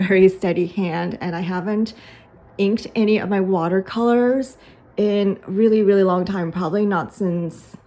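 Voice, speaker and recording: A young woman chatting casually in a home vlog, relaxed and easygoing, with a soft laugh now and then. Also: fairly low pitch. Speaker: vlogger. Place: small apartment kitchen and home.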